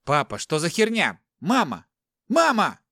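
A man voicing a panicking young man held captive, talking high and agitated. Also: big pitch swings, moderate pace, dry recording, clean studio sound. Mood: panicked. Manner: high-pitched, shouting, agitated.

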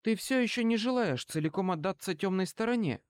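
A man voicing a cold, scheming young female dark-side student, speaking in a contemptuous, cutting way. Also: high voice, lively intonation, brisk, clean tone, no room sound, clean studio sound, voice pushed up. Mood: scornful, cutting.

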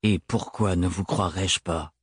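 A man voicing a stern, cold administrator in an audiobook reading, speaking in a curt monotone. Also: sits low, unhurried, slightly rough, dry recording, clean studio sound, pitched below the performer's own voice.

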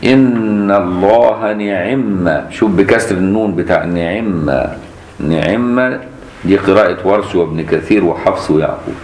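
A man's voice: low-pitched, normal speed. A man with an Egyptian accent, a sheikh teaching Quran recitation variants, demonstrating each reading and quizzing his students. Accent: Egyptian Arabic. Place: mosque. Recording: echoey mosque with faint noise.

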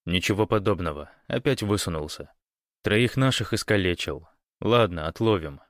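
A man voicing a calm, confident man who talks in an offhand, dismissive way. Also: low voice, moderate pace, dry recording, studio quality.

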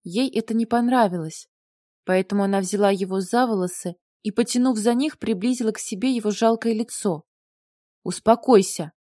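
A woman reads a comic novel aloud, her storytelling lively and wry. Her tone is mellow and warm, recorded dry and close with no room around it. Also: medium pitch, brisk, no echo. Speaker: audiobook narrator. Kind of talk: scripted narration.

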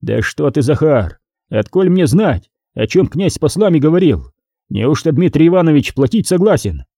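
A man's voice: a little high, sing-song, moderate pace, creaky, warm tone, no echo, clean studio sound, heavily acted. A man voicing a bold, bantering medieval cavalry captain.

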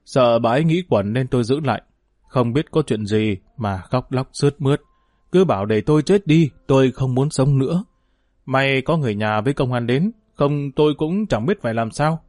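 A man's voice: medium pitch, expressive, normal speed, a little mellow, no room sound, clean studio sound, close to an everyday voice. A man voicing a talkative middle-aged restaurant owner in a storybook reading. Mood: relieved.

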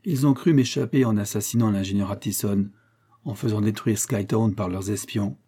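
A ruthless billionaire spits out his scorn and vows of revenge, as a man reads him in an audiobook. The voice sits low and mellow, with a husky grain. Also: moderate pace. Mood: scornful. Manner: bitter, scornful and threatening. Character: vengeful ruthless male American billionaire. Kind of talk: audiobook character reading.

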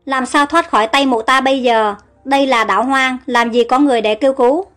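A woman's voice: sits high, steady tone, a little fast, fairly bright tone. A woman voicing an earnest young heroine in an audio storybook. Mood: alarmed. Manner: earnest, pleading. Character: young woman, trusting then frightened. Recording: faint music underneath.

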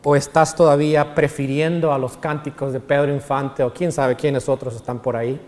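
A man's voice: mid-range voice, little pitch movement, moderate pace, darkish tone, in a large hall. A man preaching a sermon in as pastor, explaining scripture point by point. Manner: preaching with sung quotes of songs.

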